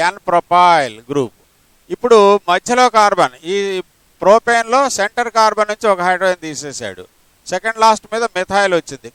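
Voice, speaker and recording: A man's voice: sits high, fairly bright tone, clear, resonant tone, no echo, poor audio. A male chemistry teacher, lecturing a class step by step and asking rhetorical questions. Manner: mixes English terms into his talk.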